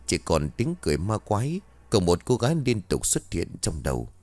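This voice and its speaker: A lower-pitched man reads a ghost story with lots of dramatic rise and fall. The recording is close and dry, with no room sound. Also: dry recording. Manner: dramatic, expressive reading. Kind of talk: scripted ghost story narration.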